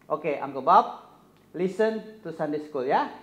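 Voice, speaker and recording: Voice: mid-range voice, expressive, slow pace, fairly bright tone. A children's church teacher hosting a kids' service, cheerful and coaxing, talking straight to the children, in a slightly dull recording. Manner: cheerful, coaxing, addresses the kids directly.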